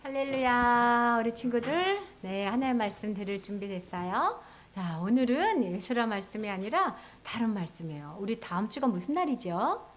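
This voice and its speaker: A woman's voice: mid-range voice, very animated, moderate pace, a little hiss or hum. A woman teaching children in church, telling a Bible story with playful questions.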